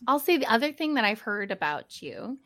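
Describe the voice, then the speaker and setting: A woman's voice: fairly high pitch, sing-song, a little fast, fairly bright tone. A woman co-hosting a podcast, chatting in a playful, sing-songy way. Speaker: podcast co-host. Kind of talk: casual podcast chat.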